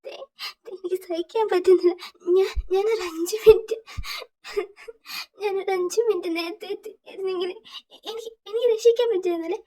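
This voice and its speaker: A woman's voice: high voice, a little fast, a little mellow, close to an everyday voice. A woman voicing a heartbroken young man who cries and stammers through his words. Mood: sobbing. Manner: pleading, broken, stammering. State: crying. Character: heartbroken young man sobbing over a friend.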